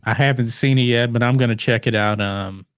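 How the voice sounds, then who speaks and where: A man hosting a casual movie podcast, animated and incredulous, often restarting his words. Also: medium pitch, a little fast, smooth, no room sound, studio quality. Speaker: podcast host.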